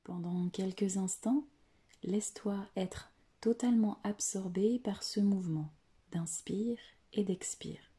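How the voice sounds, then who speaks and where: A woman leading a guided yoga nidra meditation, speaking softly and slowly and often slipping into a whisper. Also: medium pitch. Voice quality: very breathy. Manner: soft, slow, partly whispered guidance.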